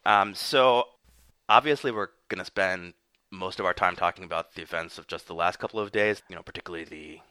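A man's voice: low-pitched, a little fast, bright, forceful tone, smooth, no echo. A man hosting a casual political podcast, recapping news with lots of fillers and restarts. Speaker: podcast host.

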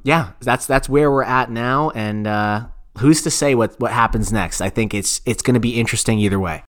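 Sports radio is the topic as a male podcast co-host shares casual opinions, cursing, rambling and repeating phrases along the way. His voice is mid-range, and the recording is dry and studio-clean.

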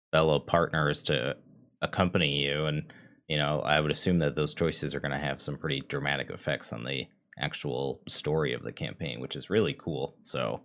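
A man's voice: very deep voice, a bit bright. A man hosting a podcast in casual discussion, in a loose style full of filler words. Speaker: podcast host.

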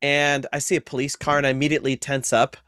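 A man's voice: medium pitch, level tone, fast, sharp tone, clear, resonant tone, no room sound, studio quality. A man who is a seminary professor, a guest on a podcast, explaining ideas patiently with everyday comparisons. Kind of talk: explanatory interview talk.

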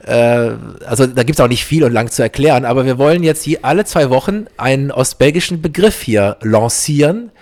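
A podcast host from East Belgium, recording at a setup in Berlin, chats loosely with lots of fillers and restarts and laughs easily. His medium-pitched, darkish voice is expressive and fairly quick, with few pauses.

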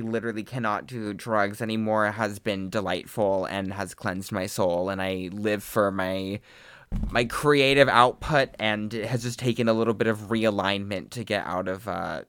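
A man with heavy vocal fry and a camp, effeminate delivery, chatting casually as a podcast co-host. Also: lowish voice, normal speed, a bit bright, dry recording, studio quality. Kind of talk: casual chat.

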